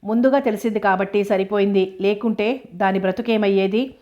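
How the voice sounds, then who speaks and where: A woman's voice: mid-range voice, fairly even intonation, brisk, muffled recording, close to an everyday voice. A woman reading the lines of a worried, defensive older mother in a storybook. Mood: relieved.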